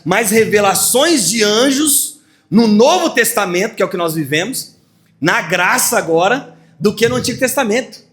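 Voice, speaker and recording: A man preaching a sermon as pastor, acting out voices and laughing as he teaches. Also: high voice. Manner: lively preaching with acted dialogue and laughter.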